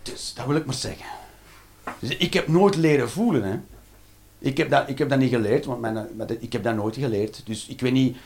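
A man performing a stand-up comedy routine. He swings between loud outbursts and low muttering, and he swears. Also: moderate pace, slight background noise.

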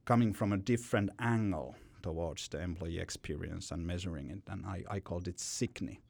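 Answering a podcast interviewer, a Finnish founder rambles through his company's story, repeating words often. His low-pitched voice is gravelly and a little mellow, and he speaks briskly.

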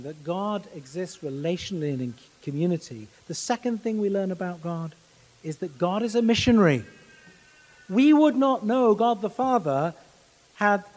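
A man preaching a sermon in a measured, earnest way, pausing to stress his words. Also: high voice, a little mellow, big-room sound, poor audio. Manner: measured, earnest, with slow emphatic pauses.

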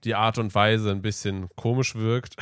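A man's voice: fairly low pitch, steady tone, measured pace, clear, resonant tone, no room sound, clean studio sound. A man as a guest on a podcast in casual chat, hesitant, trailing off with fillers.

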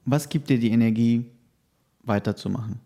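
A man hosts a casual interview in a medium-pitched voice with a soft, dark tone. He talks conversationally, moving between personal stories and questions for his guest. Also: moderate pace, gravelly.

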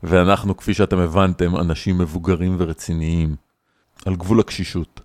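A man co-hosting a casual podcast chat, talking in a wry, deliberate way. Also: low-pitched, flat delivery, darkish tone, dry recording, studio quality. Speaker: podcast co-host.

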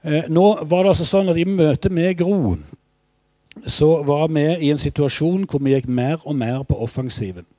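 An older man telling a personal story in a measured, reflective, somewhat halting way. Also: a little high, dark tone, no echo. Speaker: spokesman for bereaved families.

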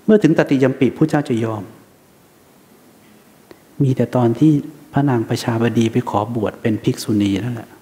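A man's voice: mid-range voice, moderate pace, long pauses, warm tone, long reverb tail. A man teaching a Buddhist dharma talk in a conversational manner, asking rhetorical questions and acting out the voices he quotes.

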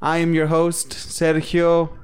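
A man joking through a casual podcast chat with his friends. His voice sits a bit high and comes across smooth and clean. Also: monotone, slow pace. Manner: joking, talks over others. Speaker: podcast co-host. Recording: home recording.

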